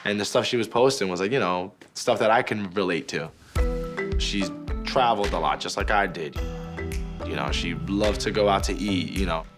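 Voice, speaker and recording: Speaking casually to camera, a low-voiced young man shares stories from his life, peppering them with "like" and "you know." He was born in the Dominican Republic, moved to New York at eight, and works as a school safety officer and club DJ while appearing on a reality show. There's background music.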